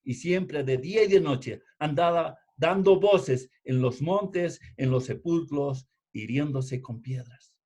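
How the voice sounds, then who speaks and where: A man preaching a sermon, emphatic, repeating key phrases and swinging between loud and hushed delivery. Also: on the high side, slow pace, slightly rough. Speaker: pastor.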